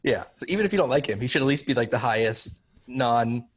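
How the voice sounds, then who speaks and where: A young man co-hosting a casual football podcast, giving quick analysis full of "like" fillers. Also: medium pitch. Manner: quick, even-toned analysis with many "like" fillers. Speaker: podcast co-host. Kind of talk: casual sports chat.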